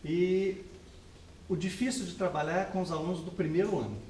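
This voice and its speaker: A male interviewer asks slow, hesitant questions, with many pauses. He is recorded from across an echoey room. A faint ambient hum sits behind him. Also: high-pitched, fairly even intonation, a little mellow, distant mic.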